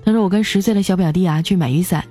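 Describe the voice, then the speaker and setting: A woman hosting a comedy show, reading listener jokes aloud. She talks with a lively manner, jumps up in pitch for quoted lines and laughs along. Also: racing, slightly rough, soft background music. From China.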